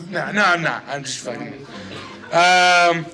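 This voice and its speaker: Young guy doing standup at a bar, bright voice, cusses a lot, cracks himself up. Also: a little high, takes it slowly, faint music behind, poor audio. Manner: rambling, profane, laughing at his own jokes. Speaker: stand-up comedian. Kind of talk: rambling stand-up set. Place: small bar stage with audience. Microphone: old-style handheld stage mic.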